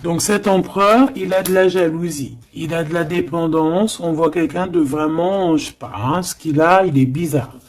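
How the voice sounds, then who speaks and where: A woman's voice: fairly low pitch, moderate pace, few pauses, darkish tone. A woman giving a tarot card reading, chatty and emphatic, with frequent hesitations and asides. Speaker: tarot reader.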